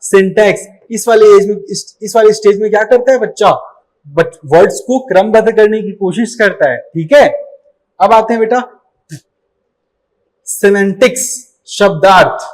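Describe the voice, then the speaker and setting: A man's voice: high voice, unhurried, low-quality recording. A young man teaching a live online exam-prep lesson. He explains step by step, calls his students "beta", and asks the class questions that he then answers himself. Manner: calls students 'beta' affectionately.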